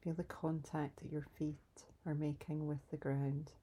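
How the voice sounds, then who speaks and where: A woman leading a calm guided grounding exercise in a soft, soothing, unhurried way, pausing between instructions. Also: low-pitched, husky. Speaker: meditation guide.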